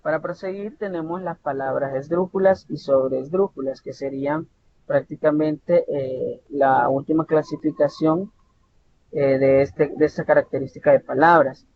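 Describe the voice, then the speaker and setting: A man's voice: steady tone, moderate pace. A man from El Salvador tutoring an online lesson, explaining patiently and often restarting words and checking with "¿verdad?". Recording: dull lo-fi audio with faint rumble.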